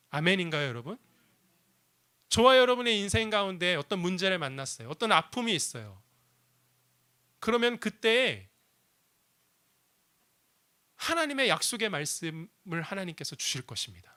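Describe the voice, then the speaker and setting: A man's voice: sits high, pushed and bright. A male pastor preaching a sermon, asking the congregation questions and building to emphatic, rising passages.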